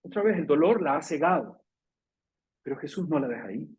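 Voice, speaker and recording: Low-quality audio captures a male Salvadoran-accented pastor preaching with fervor and emotion in church, a little fast and slightly rough-voiced. He dramatizes scripture quotes animatedly, bursting into sudden high-pitched cries.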